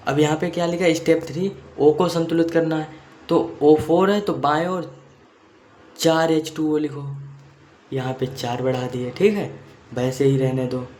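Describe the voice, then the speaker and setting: A man's voice: a little high, steady tone, unhurried, a little mellow. A man teaching a chemistry lesson, repeating points and often checking in with students. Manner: repeats points, frequent "theek hai" check-ins. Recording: echoey room with faint noise.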